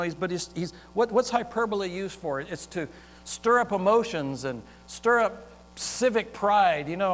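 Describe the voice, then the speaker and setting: A man preaching a sermon, reading scripture aloud and explaining it with lively sports comparisons. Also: on the high side. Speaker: pastor. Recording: reverberant hall with faint mains hum.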